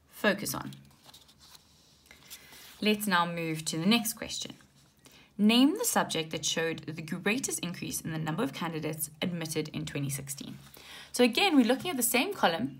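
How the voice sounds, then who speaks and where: A woman tutor talks through exam questions in an informal, instructive way. Her voice is husky and creaky, with a slight lisp, and her pitch moves in a lively way. She often adds short check-in tags as she goes step by step. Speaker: maths tutor.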